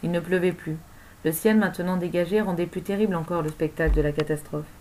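A woman narrating a novel aloud in an expressive storytelling manner. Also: lowish voice, quick pace, a little hiss or hum, rough recording. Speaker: audiobook narrator.

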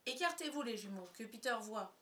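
A woman reading aloud and voicing a timid young boy who speaks quietly and meekly. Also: fairly high pitch, expressive, brisk, slight background noise. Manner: quiet, meek.

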